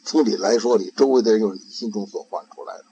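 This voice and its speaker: An older man and grandfather giving an informal Buddhist talk, slow and halting, often repeating words while he searches for them. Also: fairly low pitch, warm tone, breathy edge, lo-fi sound.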